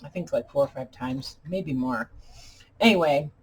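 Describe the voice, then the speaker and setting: A woman chatting casually as a craft video host, halting and deliberate, her speech slightly impeded by dentures as if her mouth were full of peanut butter. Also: rumbling low, breathy edge. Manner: halting, deliberate, pausing often. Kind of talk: casual chat tutorial.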